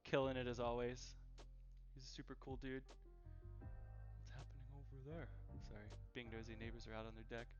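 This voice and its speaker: A man hosts a casual live cooking stream from his home kitchen, chatting easily and repeating phrases for emphasis. His medium-pitched voice moves little in pitch and keeps a normal speed. Music plays behind him, and the livestream audio is dull and lo-fi.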